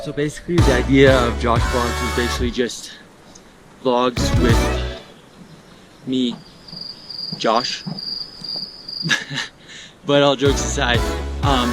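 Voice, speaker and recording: A man's voice: medium pitch, low-quality recording. A young man talking casually to camera on a mountain trail, a little out of breath as he walks. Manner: easygoing, talks while walking uphill. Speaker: vlogger. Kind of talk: casual hiking vlog to camera.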